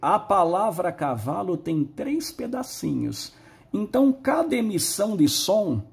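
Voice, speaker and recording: A man's voice: fairly high pitch, creaky, darkish tone. A male teacher giving a patient, explanatory lesson and drawing out words when he models them. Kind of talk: recorded lesson on early literacy.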